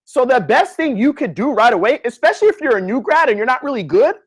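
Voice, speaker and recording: A man who is a physical therapist, giving a live online lecture in a slangy, animated way, talking straight to his listeners. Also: very high-pitched, quick pace, slightly rough. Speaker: physical therapist coaching students.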